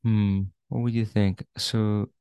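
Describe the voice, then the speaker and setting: A man's voice: lowish voice, little pitch movement, slow, warm tone, clear, resonant tone, no echo, studio quality. A man coaching a student on job searching over a video call, casual and full of fillers, often asking "right?". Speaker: career coach. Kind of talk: online coaching session.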